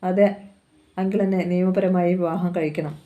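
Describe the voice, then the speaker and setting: Brief: woman reading a scared young heroine, low and flat. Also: moderate pace, muffled recording, lightly acted. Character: young woman, torn and frightened.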